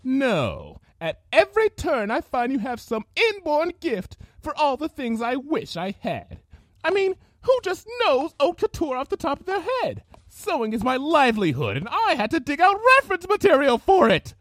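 Woman putting on a posh cruel unicorn mare, storybook villain, high and swooping, lots of darlings. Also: wildly swooping pitch, normal speed, no room sound, studio quality. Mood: cold, haughty. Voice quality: affected posh drawl, says darling. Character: cruel vain female unicorn pony seamstress.

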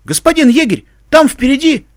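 A man voicing an eager young male alicorn soldier giving quick, dutiful reports. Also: extremely high pitch, big pitch swings, no echo, clean studio sound, voice pushed up, full character voice. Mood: alert.

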